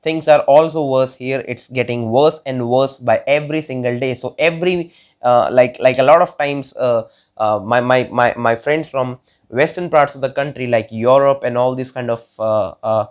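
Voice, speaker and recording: A man's voice: medium pitch, smooth. Young man from India, twenties, casual monologue, stop-start with many fillers, muffled lo-fi audio. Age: 20s. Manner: halting, many fillers and repeated words.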